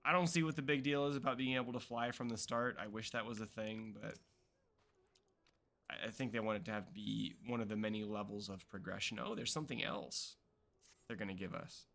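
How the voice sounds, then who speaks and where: A man's voice: lowish voice, fairly even intonation, a little fast, gravelly, a bit bright. A young adult man chatting casually as a streamer while playing, reading game text aloud. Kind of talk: casual gameplay commentary.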